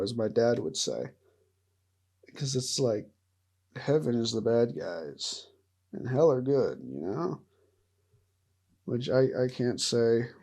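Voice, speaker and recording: A man's voice: mid-range voice, darkish tone. A man giving casual, rambling commentary as he ranks cartoon characters, laughing often and trailing off mid-thought. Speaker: vlogger ranking show characters.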